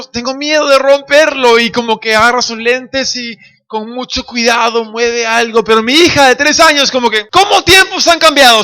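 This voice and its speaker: High, bright-voiced preacher in his thirties. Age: 30s. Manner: storytelling, acting out family voices, shouting at high points. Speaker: pastor. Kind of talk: sermon. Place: church sanctuary.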